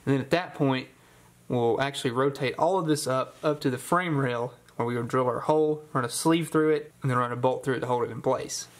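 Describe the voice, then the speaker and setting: A young man in his garage, walking through a car restoration step by step in a relaxed, explanatory way with the odd corny joke. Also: mid-range voice, fairly quick. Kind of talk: hands-on how-to narration. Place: home garage.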